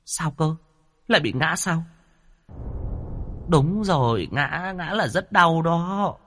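A man's voice: medium pitch, very animated, normal speed, slight background noise, voice pushed up, lightly acted. A man voicing a female ghost in red in a spoken story, talking in a raised, soothing voice. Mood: alarmed.

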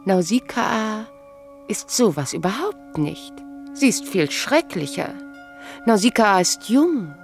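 A proud, knowing, mature wife speaks in a radio drama, slow and deliberate, with a creaky edge and irony cutting through every phrase. Her mid-range voice is very animated, and faint music sits behind her in this literary dialogue.

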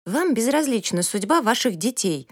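A woman doing a sassy, high-voiced teenage girl. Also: very animated, moderate pace, dry recording, studio quality. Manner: high-pitched, sassy, emphatic. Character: pert, dramatic teenage girl, quick to sulk.

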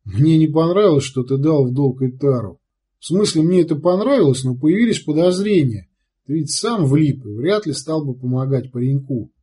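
Man doing a calm, sly commissar. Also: on the high side, breathy edge. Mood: wry relaxed. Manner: calm, measured, wry. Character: calm, wry male magician commissar, sly.

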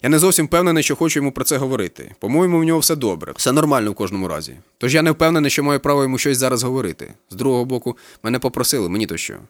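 A man narrating a literary audiobook, brooding and intense, with a rhythmic delivery. He reads at a quick clip, and the sound is close and dry with no room in it. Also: medium pitch, expressive, dry recording. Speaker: audiobook reader.

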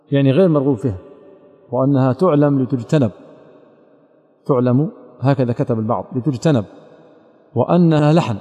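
A man's voice: medium pitch, mellow. A man teaching as a sheikh, explaining a didactic poem in a methodical lecture and speaking directly to a student. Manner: methodical, addresses a student directly, quotes scholars. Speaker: sheikh teaching recitation rules. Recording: long hall reverb.

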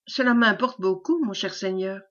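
A woman's voice: mid-range voice, normal speed, fairly bright tone, natural voice. A woman reading the part of a sly, mock-humble male peasant informer, in a wheedling manner, on a dull lo-fi recording.

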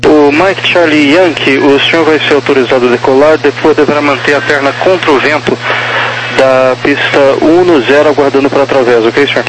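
A man working as an air traffic tower controller, giving clipped procedural clearances over crackly aviation radio. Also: mid-range voice, steady tone, brisk, a bit bright. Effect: crackly two-way aviation radio.

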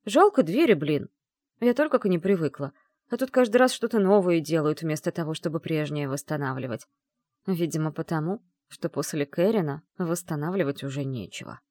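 A woman narrating a first-person fantasy audiobook in an expressive, chatty manner. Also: low-pitched, a little fast, dry recording, studio quality.

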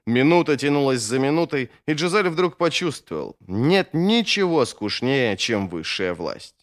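A man narrating a fantasy novel as an audiobook reader in an expressive, scripted style. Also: mid-range voice, measured pace. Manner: expressive, varied intonation.

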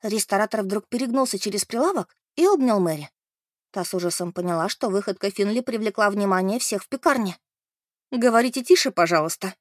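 Animated woman narrating an audiobook. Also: medium pitch, fairly quick, no room sound, clean studio sound. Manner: expressive, animated.

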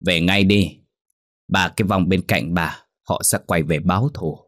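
A man voicing an old fortune teller who sends visitors away in a forceful, dismissive tone. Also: sits low, fairly even intonation, measured pace, no echo, clean studio sound. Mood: stern.

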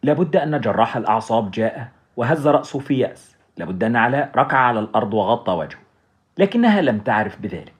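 A man narrating an audiobook story in a steady, dramatic way. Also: medium pitch, fast. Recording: dull lo-fi recording.

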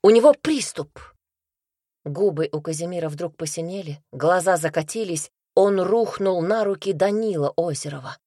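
A woman narrating a first-person novel in a lively, expressive reading voice, close to the mic. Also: fairly low pitch, moderate pace, few pauses, dry recording. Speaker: audiobook narrator.

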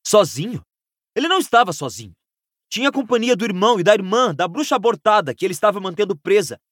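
A man's voice: medium pitch, animated, a little fast, no echo, clean studio sound, lightly acted. A Brazilian man reading an audiobook, voicing a bitter, angry teenage wizard boy who raises his voice in outbursts. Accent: Brazilian Portuguese. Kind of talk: audiobook character voice.

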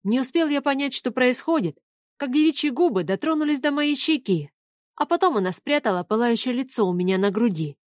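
A woman narrating a fantasy audiobook in a slow, dramatic manner. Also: sits high, expressive, no room sound, clean studio sound.

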